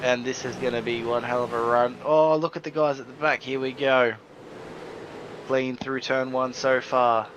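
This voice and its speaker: A man's voice: mid-range voice, flat delivery, moderate pace, muffled recording, crowd noise. A man calling a motor race live as a commentator, in a colloquial, matey way. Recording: clear engine and car noise behind.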